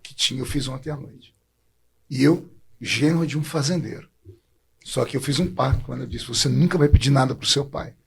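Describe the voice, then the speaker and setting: There's slight background noise as a Brazilian preacher, medium in pitch and moderate in pace, relates his own story of faith. His voice is gravelly and husky, and it catches with feeling as he speaks from the heart.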